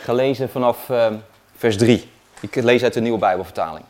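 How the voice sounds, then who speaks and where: A man preaching, calmly reading a Bible passage aloud with small slips and spoken asides. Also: medium pitch, normal speed. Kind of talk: Bible reading in a church service.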